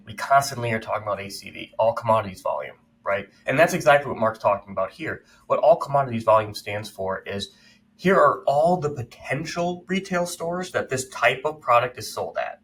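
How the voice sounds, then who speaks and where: A man co-hosting a podcast while sick with a cold, relaxed and explanatory. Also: mid-range voice, slight background noise. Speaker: podcast co-host. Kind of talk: casual podcast chat.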